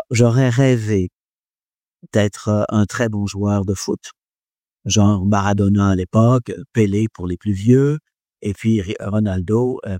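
A man with a lowish, mellow voice offers a reflective talk on faith and philosophy to listeners, full of hesitations, fillers and humour at his own expense. The recording is dry, with clean studio sound.

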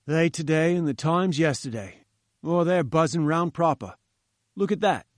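A man voicing a huge, gruff male gatekeeper who talks bluntly in a chatty way. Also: on the high side, lively intonation, normal speed, no room sound, studio quality, pitched above the performer's own voice, natural voice. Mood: gossipy.

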